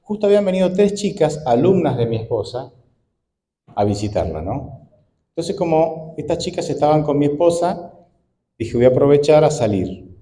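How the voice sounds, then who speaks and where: An Argentine pastor in his forties, preaching in a conversational way and peppering the congregation with rhetorical questions. His pitch swings widely, and his voice is warm and mellow. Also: very animated, moderate pace, long pauses. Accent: Argentine Spanish. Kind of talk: sermon.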